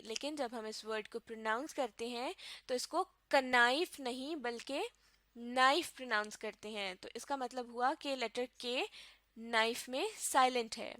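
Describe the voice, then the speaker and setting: Higher-voiced woman teacher, dry sound. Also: a bit bright, no echo. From Pakistan. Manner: slow, careful explanation, spelling words letter by letter. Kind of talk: recorded classroom lesson.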